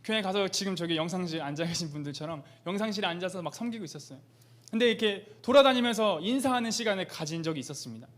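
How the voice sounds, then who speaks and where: A man's voice: high voice, animated, quick pace, a bit bright. A young man preaching a sermon, telling a personal testimony with impassioned, fervent delivery. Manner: impassioned, builds to fervent crying out. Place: church sanctuary.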